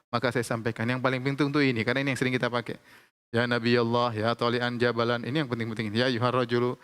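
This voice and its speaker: A man teaching Arabic grammar in a lecture, explaining slowly and repeating each example with frequent checks of "ya". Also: medium pitch, fairly bright tone, clear, resonant tone. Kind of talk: classroom lecture. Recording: long hall reverb.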